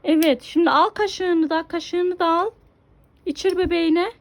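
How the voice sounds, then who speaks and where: A woman's voice: very high-pitched, steady tone, a little slow. A mother coaxing her toddler through a pretend doctor game, giving instructions and exclaiming often.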